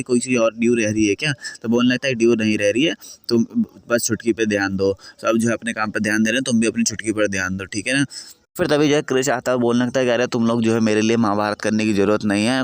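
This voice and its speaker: Fast-talking man recapping a serial. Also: fairly low pitch, smooth, dry recording. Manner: retells scenes, quoting characters in his own voice; heavy use of filler phrases. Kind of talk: casual spoken plot recap.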